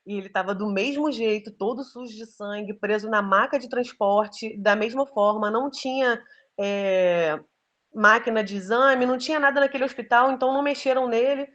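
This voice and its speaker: A woman's voice: fairly high pitch, moderate pace, fairly bright tone, highs cut off. A woman giving an earnest, emotional personal testimony, telling her story with many fillers. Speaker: testimony giver.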